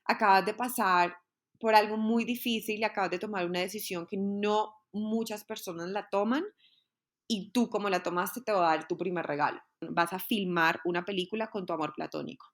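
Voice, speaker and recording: A woman recounts a personal journey as a podcast guest. Her voice sits at an ordinary middle pitch, and her telling is earnest and heartfelt, circling back over words as she goes. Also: moderate pace. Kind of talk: personal storytelling in a podcast interview.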